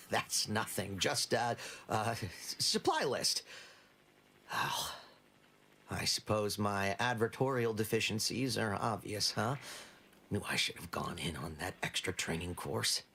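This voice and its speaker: A man's voice: fairly low pitch, animated, slow, vocal fry, bright, forceful tone, slight background noise, full character voice. A man playing a nervous, eager-to-please novice shopkeeper in a video game, with awkward, chipper sales patter. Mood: flustered, sheepish. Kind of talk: video game character dialogue.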